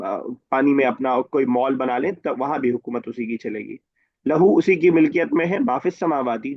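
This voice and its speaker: A man's voice: medium pitch, no room sound. A man teaching an Arabic lesson online, explaining each word step by step and often checking that students follow. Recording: dull dry online-call audio.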